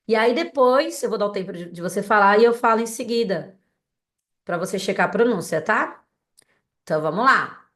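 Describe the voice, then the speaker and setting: A Brazilian woman teaching an online English class in Portuguese, drilling vocabulary slowly and checking in with her students often. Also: mid-range voice, expressive, a bit bright. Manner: drills words slowly and clearly, with frequent "tá?" checks. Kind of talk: recorded online lesson, casual and direct.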